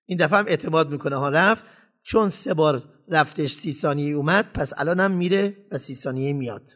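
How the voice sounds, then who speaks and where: A man's voice: a little high, fairly bright tone. A man giving a parenting lecture to an audience, emphatic and acting out parents and children as he speaks.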